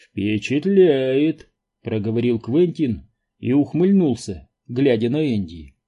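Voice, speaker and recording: A man reading an audiobook aloud in a lively, expressive narration. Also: medium pitch, measured pace, slightly rough, dull audio.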